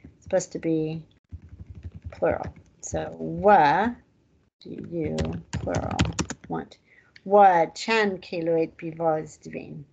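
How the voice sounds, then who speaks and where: A woman's voice: deep voice, fairly even intonation, takes it slowly, gravelly, long pauses, a little mellow, muffled recording, a little hiss or hum. A woman teaching a language class online, patiently explaining grammar step by step.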